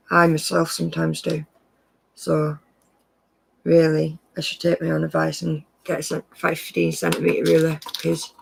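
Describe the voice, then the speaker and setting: A casual live-stream tutorial voice, rambling and friendly, full of small self-corrections. The tone is crisp and bright with a gravelly fry underneath. The pitch stays level with little rise and fall. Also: a little hiss or hum, poor audio. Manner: gives friendly practical tips.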